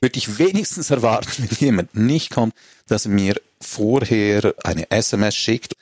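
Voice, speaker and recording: A man, talking calmly as a guest on a comedic panel show. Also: fairly low pitch, a little slow, no echo. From Switzerland. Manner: relaxed, reads a letter aloud.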